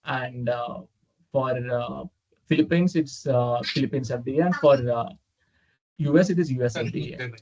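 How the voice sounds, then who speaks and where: A man answering questions over a video call. He explains step by step in a halting way, with lots of "uh" fillers, and his voice sits at an average pitch. The call audio is somewhat dull and muffled. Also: darkish tone. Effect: heard over a video call. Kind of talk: unscripted Q&A explanation.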